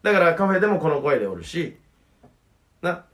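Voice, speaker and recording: Fast lively teasing comedian man. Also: fairly high pitch. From Okayama region. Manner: teasing, bossy, mock-offended, dialect speech. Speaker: senior comedian coaching a junior. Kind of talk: comedic banter on a radio-style show.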